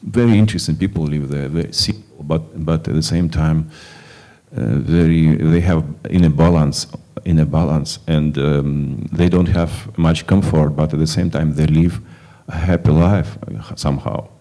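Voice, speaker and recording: A film director from Kazakhstan answering festival questions in halting, non-native English with many fillers and restarts. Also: male voice, very deep voice, steady tone, warm tone. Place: film festival stage before an audience.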